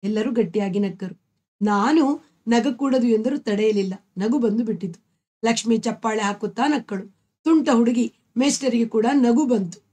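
A woman with a Kannada accent reads a short story aloud in a slightly high voice. She tells it at a measured pace, and her pitch lifts when she voices the characters' lines. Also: dark tone.

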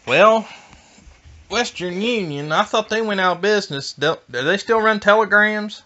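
A man with a high, forceful, bright voice talks on the telephone. He is folksy and deadpan, playing slow-witted and naive. The line sounds somewhat dull and muffled. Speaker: prank call recipient. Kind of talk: deadpan phone prank. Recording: muffled telephone call audio.

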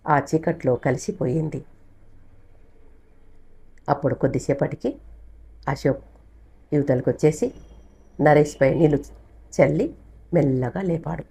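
Low husky woman narrating a spooky story, dramatic emphasis. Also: a little slow, pauses often, warm tone.

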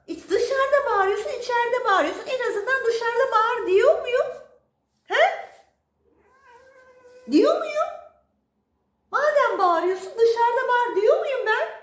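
Very high-pitched woman scolding cats playfully. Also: animated, slow, long pauses, roomy sound. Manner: playful scolding, teasing questions. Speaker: cat vlogger. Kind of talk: baby talk to pet cats. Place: home, indoors.

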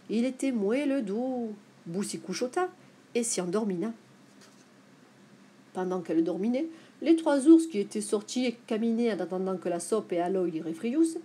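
A woman's voice: mid-range voice, breathy edge. Woman reading a children's story aloud. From France. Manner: playful, expressive storybook reading. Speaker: library storyteller.

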